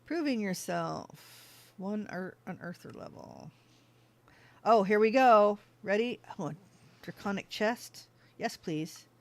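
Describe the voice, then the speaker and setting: Hosting a gaming channel, this speaker gives easy, chatty let's-play commentary on a mining game. They think aloud, posing questions to themselves and answering them, in a plain mid-range pitch.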